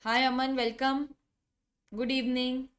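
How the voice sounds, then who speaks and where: A woman's voice: high voice, level tone, measured pace. A middle-aged woman with an Indian accent teaching a live online class, emphatic, repeating key phrases and putting questions to students. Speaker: law teacher.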